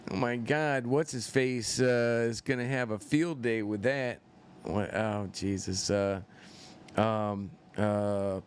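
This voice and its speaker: A man's voice: medium pitch, clean tone. A man hosting a live-stream commentary show, rambling and swearing with many fillers and incredulous outbursts. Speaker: political commentary show host.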